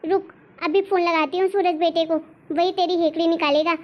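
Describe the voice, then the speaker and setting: A woman's voice: fairly even intonation, fairly quick, highs cut off. A woman voicing a harsh, insulting mother-in-law in a cartoon story. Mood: scolding. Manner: shrill and insulting. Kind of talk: cartoon voice acting.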